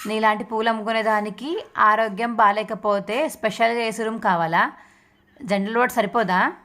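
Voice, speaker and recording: A woman's voice: fairly high pitch, fairly even intonation, moderate pace, bright, forceful tone. A woman voicing a domineering middle-aged mother-in-law who scolds with contempt, read in a TV serial recap. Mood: scolding.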